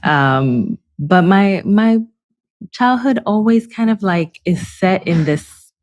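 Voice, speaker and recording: A woman from the Dominican Republic, a psychologist guest on a podcast, speaking thoughtfully with many pauses and fillers. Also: medium pitch, lively intonation, darkish tone, no echo, lo-fi sound. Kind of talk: casual podcast interview.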